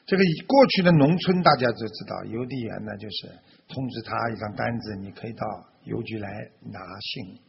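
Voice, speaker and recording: A man's voice: on the low side, brisk, vocal fry, hardly any pauses, slight background noise. A man telling a folk tale aloud, loosely, with fillers, restarts and emphatic stresses. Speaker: storyteller. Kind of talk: oral folk storytelling. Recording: dull lo-fi recording.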